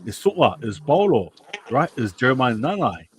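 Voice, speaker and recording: A man's voice: medium pitch, sing-song, normal speed, slight background noise, poor audio. A man from New Zealand hosting a casual rugby league preview, chatty and given to repeating himself and restarting. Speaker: podcast host.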